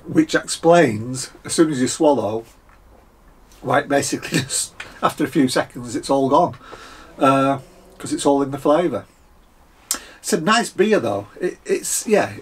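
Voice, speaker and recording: Sitting at a desk in a small home room, a Scottish man in his fifties reviews beer in a casual, husky, croaky voice of middle pitch. He uses lots of fillers, clears his throat now and then, and the audio is captured close to the camera.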